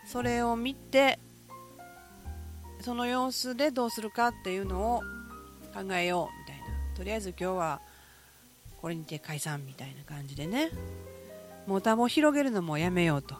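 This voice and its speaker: A woman with a Kansai accent talking alone in a casual morning show, musing and poking fun at herself with drawn-out fillers. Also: medium pitch, faint music behind. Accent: Kansai Japanese. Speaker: podcast host. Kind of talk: casual solo morning talk.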